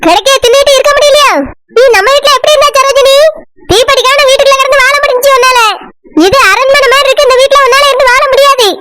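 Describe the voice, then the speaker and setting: A bossy cartoon elder sister, played by a woman who scolds and nags without pause, in a Kanyakumari accent. Her voice is extremely high. Heavy background noise runs through it. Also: fairly even intonation. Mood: scolding. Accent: Kanyakumari Tamil. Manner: scolding, sharp, nagging.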